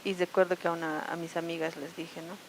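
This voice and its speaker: A woman with a Bolivian accent from La Paz gives a personal testimony at a prayer service. She speaks in an earnest, halting way, often restarting and tagging her sentences with questions. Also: on the low side, little pitch movement, background noise. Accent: Bolivian Spanish, La Paz. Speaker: church member giving testimony.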